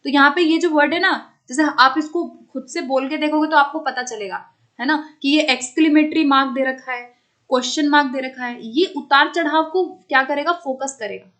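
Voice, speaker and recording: A woman's voice: high-pitched, fairly quick, a bit bright. A woman teaching an online exam-prep class, explaining step by step, checking again and again that students follow, and mixing English terms into her talk.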